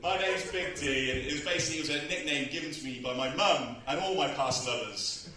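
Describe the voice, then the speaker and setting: A man doing a crude, self-mocking stand-up comedy set, out of breath and often bursting into shouts. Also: a little high, a little fast. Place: comedy club stage. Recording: echoey club, far from mic, loud crowd. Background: audience laughter.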